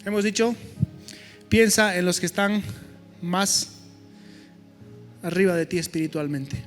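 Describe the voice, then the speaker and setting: A man's voice: high-pitched, unhurried. A male pastor preaching a sermon in a conversational, joking way, with asides to the congregation. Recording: echoey hall with soft music.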